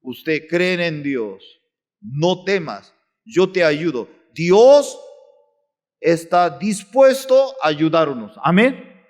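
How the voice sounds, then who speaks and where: Male pastor, slightly high voice, slow deliberate sermon delivery, hushes for acted quotes and swells loud for emphasis. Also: expressive. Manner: acts out dialogue in a quiet low voice, rises high and loud for emphasis; slow, halting phrasing in simple words.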